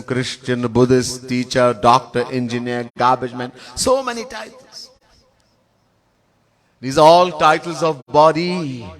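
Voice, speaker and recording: Trinidadian swami chanting and teaching. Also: male voice, medium pitch, fairly bright tone. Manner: chants Sanskrit verses slowly in a sung tone between spoken teaching; lists words in long spoken series. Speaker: swami giving a spiritual discourse. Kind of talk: sermon. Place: temple.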